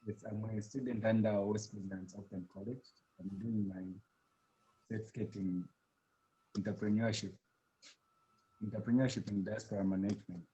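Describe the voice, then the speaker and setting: A man from Zambia, introducing himself quietly and measuredly as a student guest on a video call. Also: fairly low pitch, steady tone, normal speed, pauses often, highs cut off.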